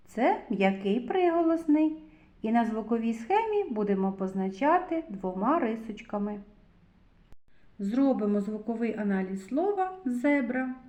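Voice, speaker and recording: A woman teaching a literacy lesson to preschool children, speaking slowly and tenderly to the little ones. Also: a little high, very animated, a little mellow, reverberant. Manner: slow, sing-song, addresses children tenderly. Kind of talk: scripted lesson for young children.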